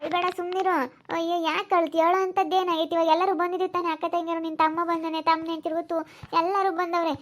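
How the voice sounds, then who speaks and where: A woman's voice: very high voice, little pitch movement, quick pace. A woman voicing a bossy but caring older female relative who keeps repeating firm orders, with a rural Chitradurga Kannada accent. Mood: soothing. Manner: firm, insistent, repeats commands.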